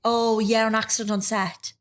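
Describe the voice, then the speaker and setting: A woman in her thirties co-hosting a podcast, chatting casually with excitable, jokey energy. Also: on the high side, normal speed, a loud crowd. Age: 30s. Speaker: podcast co-host. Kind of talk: casual chat.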